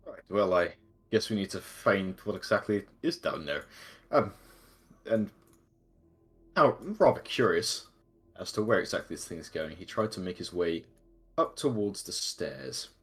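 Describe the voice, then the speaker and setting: A man's voice: low-pitched, animated, a little slow, pauses often, husky, soft background music. A man playing a tabletop role-playing game, chatting casually and narrating his character in a rambling, informal, sweary way.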